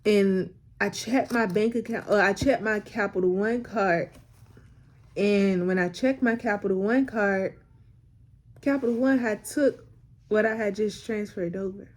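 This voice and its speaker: A woman's voice: mid-range voice, a little slow. Tearful woman giving a faith testimony. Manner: emotional, repeats phrases for emphasis. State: close to tears. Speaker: vlogger sharing a faith testimony. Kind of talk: casual personal testimony.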